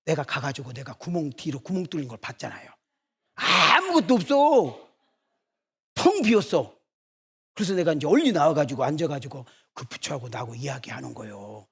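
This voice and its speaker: A middle-aged man preaches in a church with a high-pitched voice. He teases his congregation and throws out rhetorical either-or questions. He keeps the listeners engaged with banter. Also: breathy edge. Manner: teasing, rhetorical back-and-forth questions. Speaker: senior pastor. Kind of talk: sermon.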